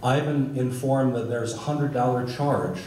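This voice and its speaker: A man's voice: medium pitch, measured pace. A middle-aged man at a public hearing, speaking at a podium mic and asking pointed rhetorical questions. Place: large hall with wooden stage. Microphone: podium mic on a stand. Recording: echoey hall from far off, noisy.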